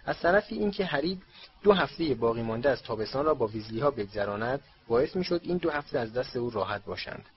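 A man narrating a children's storybook in a steady, measured reading voice. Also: mid-range voice. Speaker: audiobook narrator. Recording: slightly dull with faint hiss.

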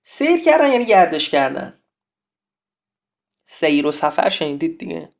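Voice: medium pitch, big pitch swings, vocal fry. Patient teacher chanting poetic meter. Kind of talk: textbook lesson with poem recitation.

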